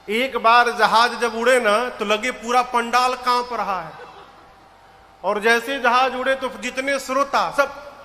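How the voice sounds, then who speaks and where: A man with a high, bright voice tells a devotional story slowly to a gathering. He speaks in a folksy way with humorous asides, and his voice rings in a hall with a long echo and faint music behind. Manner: chants verses in a singing voice. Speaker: religious storyteller.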